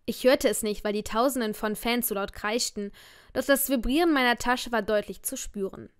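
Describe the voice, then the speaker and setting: A woman narrating a romance novel as an audiobook in the first person, with expressive storytelling. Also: on the high side, moderate pace, clean tone, no echo, clean studio sound.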